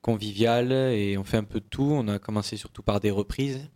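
Relaxed, fairly low-voiced band guest. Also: male voice, brisk. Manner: relaxed, chatty, loose with filler words. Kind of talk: radio interview chat. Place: radio studio.

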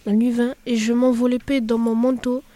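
Woman narrating an audiobook, flat and mellow. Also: a little high, moderate pace, dry recording.

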